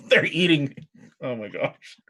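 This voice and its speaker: Female game player, lowish but bright voice, wry casual banter. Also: breathy edge.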